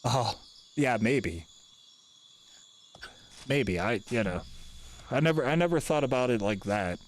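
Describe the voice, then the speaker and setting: A man's voice: mid-range voice, lively intonation, measured pace, a little hiss or hum. A man streaming a game live, talking in a laid-back, rambling way and swearing casually.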